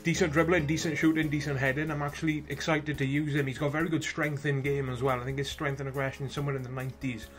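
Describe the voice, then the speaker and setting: A young man with a Welsh accent giving casual gameplay commentary, chatty one moment and shouting at the game the next, with mild swearing. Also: fairly high pitch, level tone, quick pace, hardly any pauses, soft background music. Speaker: gaming video host.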